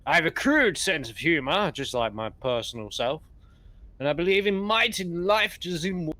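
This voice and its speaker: A man's voice: animated, moderate pace, pushed and bright, no echo. A man playing a swaggering half-elf paladin general. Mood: boastful. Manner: grandiose, booming self-introduction. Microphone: voice call microphone.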